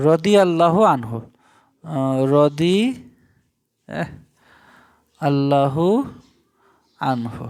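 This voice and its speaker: A man from Bangladesh teaching Arabic grammar in Bengali in an online lesson, explaining step by step and slowly spelling out Arabic terms. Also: a little high, darkish tone.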